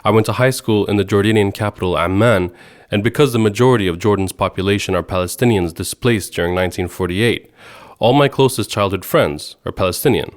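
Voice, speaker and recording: A man from Sweden hosting a podcast, giving measured, earnest scripted narration. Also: lowish voice. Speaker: podcast host.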